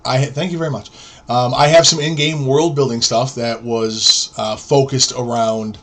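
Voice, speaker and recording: Man in his forties telling a lively story. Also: mid-range voice, normal speed. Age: 40s. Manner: animated storyteller, acts out quoted dialogue. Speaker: podcast co-host. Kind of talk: casual storytelling chat.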